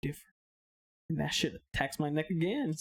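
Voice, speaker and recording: A man, a podcast guest, telling a story in casual chat. He is animated, swears a lot and mixes in Spanish slang. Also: a little high, fairly quick, creaky, slightly rough, no echo.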